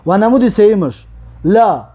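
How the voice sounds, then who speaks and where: A man with a Tajik accent teaching Arabic grammar, slowly drilling example words and stopping to check understanding. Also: high-pitched, expressive, mellow. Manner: slow, drawn-out drilling of example words, repeated for students; checks understanding with short asides. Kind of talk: recorded grammar lesson.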